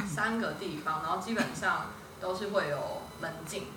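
A woman hosting a podcast, asking questions in a relaxed, encouraging manner. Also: lowish voice, moderate pace. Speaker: podcast host. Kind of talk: casual interview chat. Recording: roomy, distant mic with noticeable noise.

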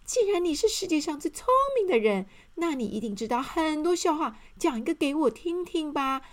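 A woman voicing a cheerful, excitable man in a children's storybook who loves jokes, with a bubbly, eager manner. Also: high voice, moderate pace, pitched above the performer's own voice.

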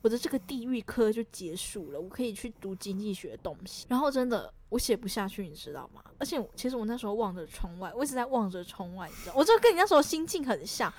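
A young woman, co-hosting a casual podcast and telling stories in an animated way, acting out quoted lines and laughing often. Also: on the high side, fast, hardly any pauses, slight background noise. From Taiwan. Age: young adult. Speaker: podcast co-host.

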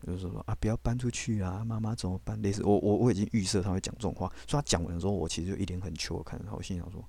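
A man's voice: low voice, fairly even intonation, rapid-fire, gravelly, mellow, slightly rough, no echo. A man, telling his faith testimony on a podcast in a blunt, candid way with casual swearing. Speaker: podcast host.

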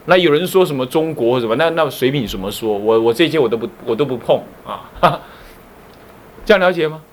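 A man's voice: mid-range voice, expressive, a little fast, a little hiss or hum. A man with a Taiwanese Mandarin accent, a Buddhist abbot teaching a class, who quizzes his listeners and teases them in playful asides. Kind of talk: lively Buddhist lecture.

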